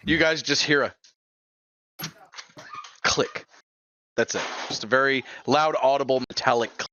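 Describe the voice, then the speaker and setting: A man's voice: medium pitch, moderate pace, pushed and bright. A man narrating a tabletop game as its game master, loose and casual, laughing often. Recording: dull, lo-fi and dry.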